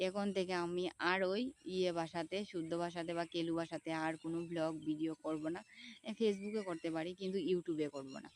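Chatty woman with a Sylheti accent. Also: fairly low pitch. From Tripura, India. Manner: chatty, repeats herself while explaining. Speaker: vlogger. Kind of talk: casual talk to viewers. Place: outdoors by a pond.

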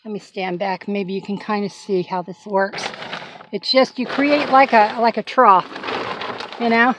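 Filming on a handheld phone inside her cargo van, an older woman talks in a folksy, relaxed manner as she shows something, frequently saying sorry and asking viewers to bear with her. She speaks a little slowly in a mid-range voice with fairly even intonation, against a noisy background.

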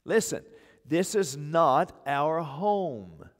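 Older guy preaching slow and emphatic, repeats himself for punch, long church echo. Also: fairly high pitch, expressive. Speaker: pastor. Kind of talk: sermon. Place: church sanctuary stage, indoors. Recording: long reverb of a church hall.

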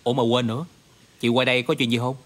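Actor as an earnest protective younger brother. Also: male voice, medium pitch, little pitch movement, fast, fairly bright tone, natural voice. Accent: Southern Vietnamese. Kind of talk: TV drama acting.

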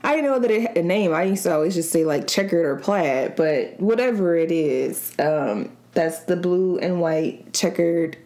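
A woman's voice: lowish voice, expressive, normal speed, hardly any pauses, darkish tone. A young woman from Kansas City vlogging to camera in casual, rambling, slangy chat. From Kansas City, Missouri side. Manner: chatty and rambling, slangy, restarts often. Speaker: mukbang vlogger.

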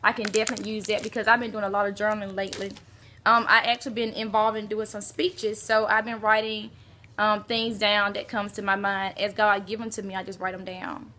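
Bright-voiced gushing woman. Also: mid-range voice, flat delivery, a little fast. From Alabama. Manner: gushing, exclaims often, talks to viewers as y'all. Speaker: beauty vlogger. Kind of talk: casual mail swap unboxing.

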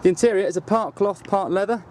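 A man's voice: high-pitched, fast talker, a little mellow, a little hiss or hum. A man with a Welsh accent, presenting a car in a scripted walkaround on an outdoor dealership forecourt. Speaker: car salesman presenting a vehicle.

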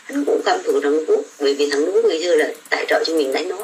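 A woman's voice: low voice, animated, fast, a little mellow, slight background noise, low-quality recording. Blunt older woman ranting. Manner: blunt, scolding, coarse words. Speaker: domestic worker abroad. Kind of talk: casual political rant.

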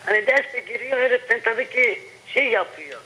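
A woman's voice: fairly high pitch, lively intonation, moderate pace, bright, forceful tone. An older woman calling in over a telephone line, talking hesitantly, repeating herself and searching for words. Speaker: caller. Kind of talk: call-in question to a TV program.

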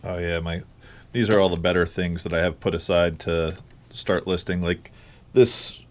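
A man's voice: low-pitched, level tone, moderate pace. A man giving a casual tour of his small home workroom, rambling with many fillers, recorded on a head-mounted camera. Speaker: online reseller. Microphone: head-mounted action camera.

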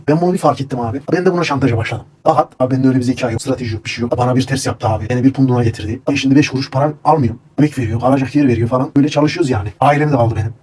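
Fast-talking man ranting conspiratorially. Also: mid-range voice, darkish tone, slightly rough. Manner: rambling, conspiratorial. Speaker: comedic ranting storyteller. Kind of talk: comedic rant.

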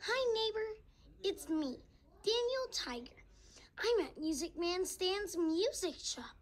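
A young performer voicing a friendly, gentle little boy tiger who narrates a children's read-along storybook in a slow, sing-song way. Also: extremely high pitch, big pitch swings, heavily acted. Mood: cheerful, friendly.

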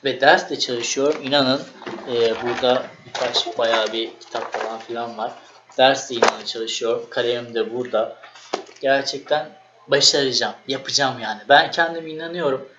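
A young man vlogging, telling a story in a casual, animated way and acting out what he said. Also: mid-range voice, normal speed. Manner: animated, acts out his own quoted lines. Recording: echoey room, dull lo-fi sound, faint noise.

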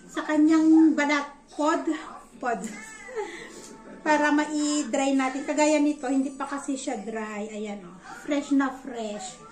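A woman's voice: sits high, reverberant. A young woman, a mother, chatting casually to her viewers and telling a story from home while she works. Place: at home, indoors.

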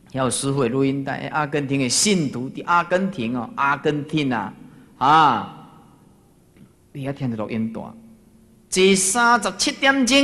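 A man with a Taiwanese accent giving a Buddhist dharma talk, telling stories in a colloquial, humorous way, swinging between loud exclamations and soft asides. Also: medium pitch, long reverb tail.

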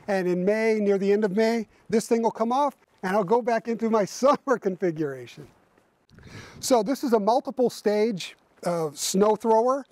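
This is a casual equipment review: a man in his fifties shows off his tractor to camera outside by a barn in winter, explaining with many fillers and restarts. His voice is high and a little mellow, and there's no room sound.

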